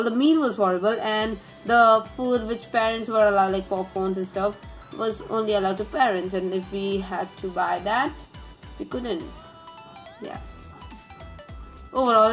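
A woman's voice: medium pitch, low-quality recording. A woman, telling a story in a casual vlog. She rambles, often restarts her sentences and adds dry sarcasm. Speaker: vlogger.

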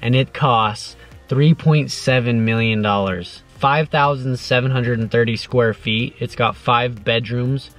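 A man's voice: mid-range voice, fairly even intonation, a little slow, faint music behind. A young man in his twenties vlogging casually, with a laid-back, matter-of-fact way of talking into a handheld camera. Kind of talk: casual vlog.

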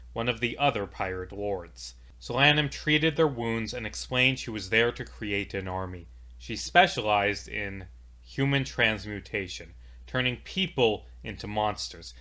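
A man narrating a fantasy tabletop adventure in measured, dramatic tones. His voice sits fairly low but carries a bright, forceful edge that keeps the story moving. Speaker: storyteller recapping a tabletop campaign. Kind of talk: scripted narration.

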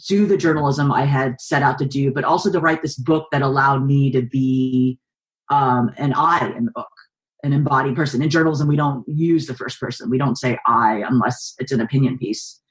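Woman, 40s, from the Bay Area, author guest, thoughtful, steady pace, video call, home living room. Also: extremely low pitch. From San Francisco Bay Area, US. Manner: thoughtful, steady, with frequent um fillers. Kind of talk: reflective interview answers. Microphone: video call webcam.

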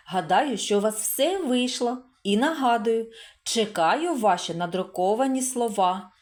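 A woman teaching a remote literacy lesson to young children, sounding out syllables slowly and praising them as they go. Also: a little high, lively intonation, a little mellow. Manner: slow, drawn-out sounding out of syllables; praising and encouraging. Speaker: preschool teacher.

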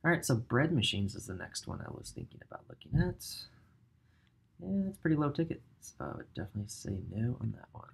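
A man's voice: medium pitch, very animated, fairly quick, vocal fry, a little hiss or hum. A man in his thirties giving a casual screen-share tutorial at a home desk, thinking aloud with frequent ums as he browses. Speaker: ecommerce coach. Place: indoor home office.

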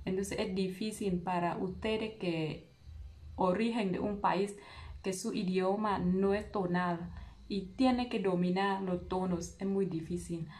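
Vietnamese-accented woman language teacher, non-native speaker, slow and patient, mid pitch, halting phrasing with rhetorical questions. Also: fairly even intonation, a little mellow. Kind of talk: explanatory video lesson.

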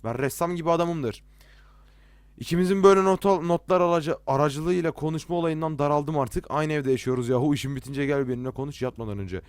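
Young man, horror game commentary, jittery, nervous joking, a bit high-pitched, dry sound. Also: fast, hardly any pauses, darkish tone, dry recording. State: scared, jittery. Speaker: let's play gamer.

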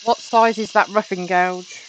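Woman, playful teasing co-host, off camera, reads out chat, loud workshop noise behind. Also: medium pitch, fairly even intonation, measured pace, dull audio. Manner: teasing, playful, laughs often. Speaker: co-host reading live chat. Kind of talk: casual livestream banter.

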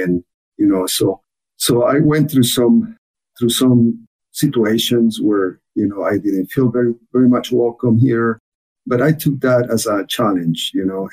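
A chamber of commerce officer from Ecuador, a native Spanish speaker with a thick Ecuadorian accent, speaks earnestly as a guest in a podcast interview. His voice is fairly low, a little mellow, and husky, and he often repeats words as he restarts. The recording quality is low.

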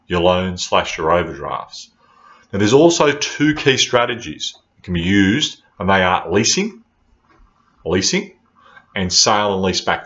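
A man teaches informally from a small room in a fairly low voice. He is blunt and colloquial, restating his points for emphasis. The webcam sound is a little dull. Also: a bit bright. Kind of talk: informal classroom lecture to camera. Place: small indoor room at home or office. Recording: slightly dull webcam audio.

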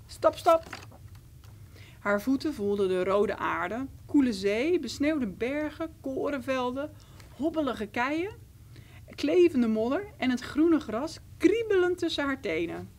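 A woman reading a romantic children's fairy tale aloud, expressive and rhythmic. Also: high-pitched, unhurried. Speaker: storyteller. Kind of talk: children's story read aloud.

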